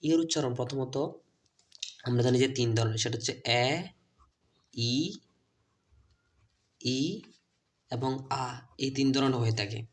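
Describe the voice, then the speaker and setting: A man teaching English letter sounds to children's teachers and parents. His first language is Bengali. He spells out the letters and repeats each word slowly. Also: mid-range voice, flat delivery. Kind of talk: phonics lesson video.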